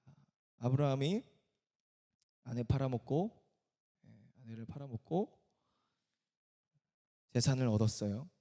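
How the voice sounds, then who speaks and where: A man's voice: medium pitch, lively intonation, measured pace, long pauses, mellow. A man preaching a sermon at a church worship service. He speaks emphatically and keeps asking the congregation questions. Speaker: pastor. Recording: long reverb of a large hall.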